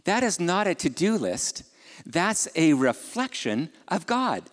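A man's voice: high voice, big pitch swings, takes it slowly. Man preaching a sermon in a reverberant hall. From Ukraine. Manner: conversational preaching with rhetorical questions and asides. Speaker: pastor.

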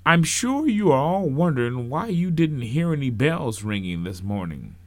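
A man voicing a calm male minister who speaks in a reassuring, measured way to his congregation in a storybook reading. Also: mid-range voice, dry recording, voice pushed up, close to an everyday voice. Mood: soothing. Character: male small-town minister, calm and soothing.

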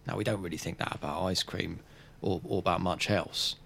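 Gravelly-voiced Australian man, thoughtful. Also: low voice, steady tone, a little fast, fairly bright tone, slight background noise. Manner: thoughtful, uses hedging fillers. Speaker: philosopher, podcast co-host. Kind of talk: conversational philosophy discussion.

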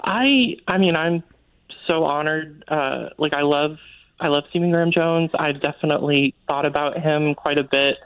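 A guest author from Connecticut in the United States talks loosely in an interview, leaning heavily on "like." His somewhat high voice is clear and resonant at a moderate pace, with no room sound, though the line is narrow and tinny, like a phone.

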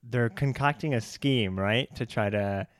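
A man's voice: mid-range voice, a little slow, no room sound. Chatty young man, dry close sound. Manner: relaxed, lots of "like" fillers, laughs easily. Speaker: podcast co-host. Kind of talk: casual chat.

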